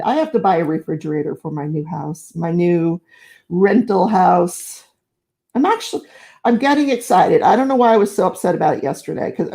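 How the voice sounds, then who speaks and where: A woman's voice: mid-range voice, a little mellow. A woman hosting a casual morning live stream, chatting and laughing as she greets viewers by name. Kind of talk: casual live chat reading comments.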